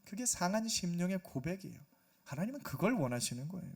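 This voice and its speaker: A man's voice: sits high, sing-song, quick pace, creaky, slightly rough. A man preaching a Sunday sermon, emphatic and dramatic, voicing people's prayers and God's rebukes in quoted lines. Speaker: pastor.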